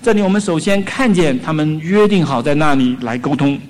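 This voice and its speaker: A man preaching a sermon in short measured phrases, pausing for an interpreter. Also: fairly high pitch, a little mellow. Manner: measured, teaching, pauses for interpretation.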